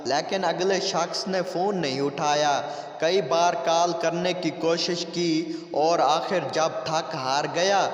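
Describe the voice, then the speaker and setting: A man narrating a string of short jokes in a steady, scripted reading. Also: on the high side. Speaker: joke narrator. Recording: echoey room with long reverb.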